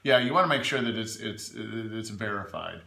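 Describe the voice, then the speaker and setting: Male adviser, lowish forceful voice, emphatic explainer in a conversational interview, roomy sound. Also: expressive, moderate pace, creaky. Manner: emphatic, checks in with "right?" and "okay?". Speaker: legal adviser being interviewed. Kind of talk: informal explanatory interview answers. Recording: echoey room.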